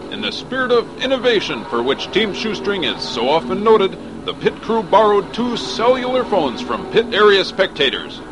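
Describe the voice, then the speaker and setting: A man's voice: sits high, rough recording. A man giving an earnest, mock-serious sports news report as announcer.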